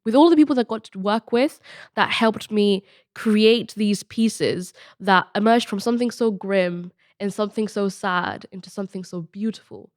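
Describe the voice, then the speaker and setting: An eighteen-year-old woman talks earnestly as a podcast guest, at a middling pitch. Her voice is smooth and crisp. The sound is close and dry, with no room around it. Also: normal speed, darkish tone, dry recording. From born in Bangladesh, grew up in Spain. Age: late teens. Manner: earnest, fluent, with frequent restarts and ums. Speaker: podcast guest, student mentor. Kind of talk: podcast interview, personal story.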